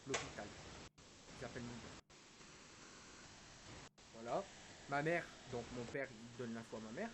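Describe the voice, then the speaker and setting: A male streamer recounting a personal loss in halting, emotional storytelling, his voice dropping to a hush and then rising again. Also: mid-range voice. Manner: halting, quotes dialogue, swings between hushed and raised. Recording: hissy background noise.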